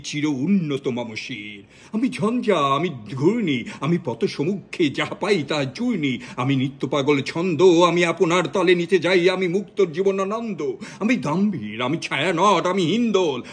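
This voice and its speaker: A man giving a dramatic poetry recitation in a declamatory way, with big swings of pitch and loudness. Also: breathy edge.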